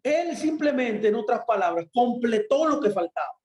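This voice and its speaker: High-voiced emphatic male preacher, echoey room. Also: sing-song, moderate pace, a little mellow. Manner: emphatic, asks and answers himself. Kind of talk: sermon.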